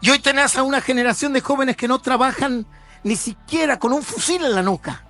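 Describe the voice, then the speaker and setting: A man's voice: extremely high pitch, a little fast, bright, forceful tone, faint music behind. A man, preaching a sermon in a church in an emphatic, conversational way. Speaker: pastor.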